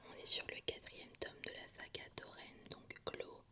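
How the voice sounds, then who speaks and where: A woman speaks entirely in a soft, breathy ASMR whisper, the hushed library kind. She presents books like a vlogger, with no full voice behind the words. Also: normal speed. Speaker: book vlogger presenting a reading list.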